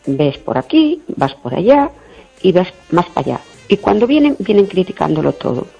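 An older woman chatting casually, telling stories in an outspoken, indignant way and often clearing her throat. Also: fairly low pitch, very animated, moderate pace, mellow. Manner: outspoken, indignant, acts out quoted dialogue. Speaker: guest in a conversation. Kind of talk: casual chat, storytelling. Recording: dull lo-fi recording, faint music behind.

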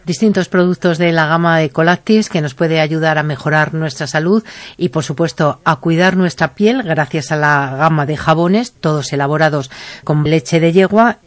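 A man's voice: a little high, dry recording. A man hosting a promotional radio interview, presenting products to listeners. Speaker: radio host. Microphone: close studio microphone.

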